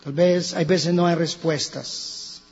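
Gravelly Colombian pastor preaching in a church. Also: male voice, a little high, steady tone, slow. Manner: preaching with dramatic shifts between hushed and loud. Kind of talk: sermon. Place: church hall. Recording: lo-fi church recording with long reverb and mains hum.

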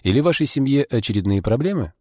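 A man doing a smug, sneering rival businessman in an audiobook, with a voice that leaps between low and sharply high. He sounds needling and quick to flare up, and the reading is dry and close. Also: very animated, darkish tone, dry recording. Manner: sneering, mocking.

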